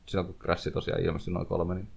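A man's voice: low-pitched, little pitch movement, vocal fry, slightly rough. A man co-hosting a casual podcast chat in an easygoing way. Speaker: podcast co-host.

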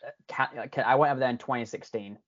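This English podcast guest talks rapid-fire at medium pitch, his Yorkshire accent carrying a Canadian tinge picked up along the way. The casual conversation is loose, with restarted sentences and occasional swearing. There's no echo; the sound is dry and slightly muffled.

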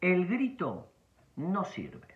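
An Argentine man with a lively pitch calmly explains things in a talking-head advice talk, varying his emphasis. He speaks extremely slowly, and the recording sounds dull and lo-fi.

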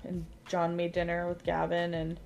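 Faint music sits behind this podcast co-host, a woman in her thirties whose fairly low voice has a creaky quality. At a normal speed, she casually rambles through an animated story full of "like" fillers.

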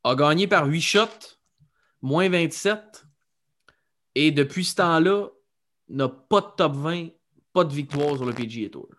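Casual Québécois man, slightly high voice. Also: expressive, unhurried, pauses often, a bit bright. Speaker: golf podcast co-host. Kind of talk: casual sports chat.

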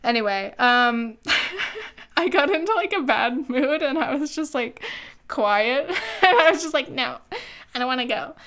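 A woman's voice: high-pitched, expressive, a little slow, fairly bright tone. A young woman hosting her own podcast, telling casual stories with frequent laughs and casual swearing. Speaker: podcast host; barista. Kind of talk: casual solo storytelling. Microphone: camera mic.

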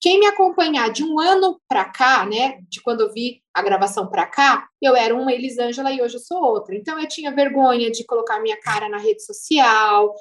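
A woman with a Brazilian Portuguese accent, a speech therapist telling her own story as a guest in a casual interview, chatty and lively, laughing now and then. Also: a little high, fairly quick, hardly any pauses.

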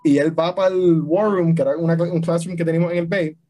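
A young man telling army stories in a casual podcast chat, slangy and animated, mixing Spanish and English. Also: on the high side, fast talker. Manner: animated storyteller, slangy and swearing. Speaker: podcast guest, army veteran.

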